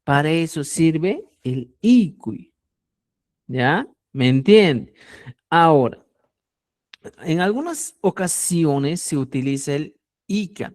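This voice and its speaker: A man's voice: fairly high pitch, a little mellow, no echo, studio quality. A man teaching a language class, explaining patiently and checking often that students follow. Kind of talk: online language lesson.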